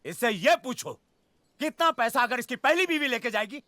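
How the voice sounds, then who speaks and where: A woman's voice: a little high, expressive, normal speed, bright, forceful tone, no echo. An actress playing a snappy, sarcastic mother who nags her husband. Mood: nagging.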